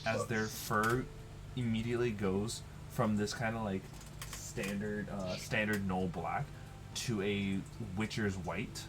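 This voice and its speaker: Low-voiced man running a tabletop game. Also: fairly even intonation, slow, background noise. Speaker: game master. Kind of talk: narrating a tabletop role-playing game. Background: music.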